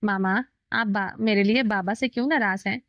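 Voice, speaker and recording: A woman's voice: medium pitch, moderate pace, no echo, close to an everyday voice. A woman voicing an innocent little daughter who pouts and clings to her father. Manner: innocent, pouting. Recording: dull lo-fi dry recording.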